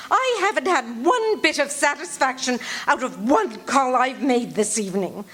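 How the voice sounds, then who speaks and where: A woman's voice: sits high, expressive, normal speed, a bit bright, slightly rough, full character voice. An actress playing a nervous, demanding, self-pitying bedridden woman in a 1940s-style thriller radio play, fretful and melodramatic. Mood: fretful complaint. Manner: imperious, fretful, querulous, melodramatic. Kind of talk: live stage radio drama acting, 1940s thriller.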